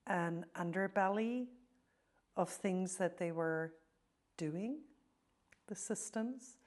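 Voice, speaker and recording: Slow, thoughtful woman from South Africa. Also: on the low side. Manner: slow, thoughtful, drops to near-whisper at times. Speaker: interview guest. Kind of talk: reflective interview talk.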